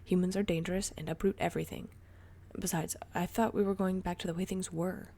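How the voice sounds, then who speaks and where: A woman's voice: fairly low pitch, level tone, brisk, mellow. A woman voicing a stiff, distrustful teenage boy borrower who speaks in a clipped, defensive way in a storybook reading. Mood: wary, defensive.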